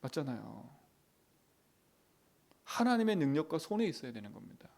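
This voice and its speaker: A man preaching a dawn prayer sermon as pastor, asking the congregation questions, swinging from loud emphatic lines to quiet asides. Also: fairly high pitch, big pitch swings, moderate pace, creaky.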